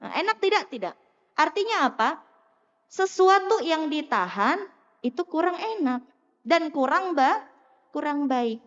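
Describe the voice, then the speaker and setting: A woman giving a lively sermon to a live audience, teasing and asking the crowd questions. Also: high-pitched, unhurried, long pauses. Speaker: preacher. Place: mosque hall. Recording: muffled sound in a long-echo hall.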